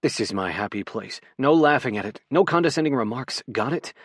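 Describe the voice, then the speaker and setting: A man's voice: mid-range voice, lively intonation, a little fast, slightly rough, dry recording, clean studio sound. A man reading an audiobook, voicing a cheerful, chatty young male athlete with a playful, eager manner.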